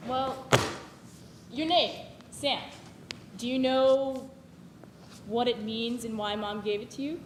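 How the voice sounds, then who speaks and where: A woman's voice: a little high, slow pace, long pauses, reverberant, a little hiss or hum. A young woman playing a teasing older sister. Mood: earnest. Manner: teasing, then earnest and explaining. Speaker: student actor in a campus stage play. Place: live stage in a hall.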